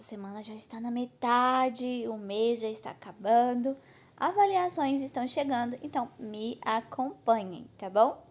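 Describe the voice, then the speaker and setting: A woman's voice: fairly high pitch, darkish tone. Friendly Brazilian teacher, woman. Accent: Brazilian Portuguese. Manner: friendly, often checks in with "tá bom?". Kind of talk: online class explanation to children.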